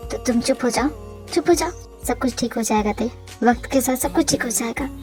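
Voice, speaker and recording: A woman voicing a gentle young husband who comforts his wife in soft, soothing tones in a fan-dubbed romantic audio drama. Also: a little high, fairly quick, soft background music, pitched below the performer's own voice, close to an everyday voice. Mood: tender.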